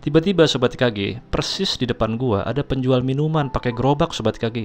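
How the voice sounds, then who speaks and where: A man's voice: mid-range voice, quick pace. A man casually telling a personal story, chatty, keeps addressing his viewers. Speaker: storyteller host.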